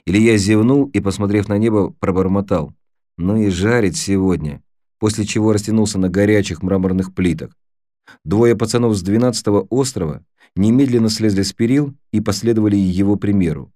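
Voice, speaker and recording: A man reads an audiobook in a steady, measured way. His voice is lowish and mellow. The recording is close and dry, with no room sound. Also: no room sound. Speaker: audiobook narrator. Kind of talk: audiobook narration.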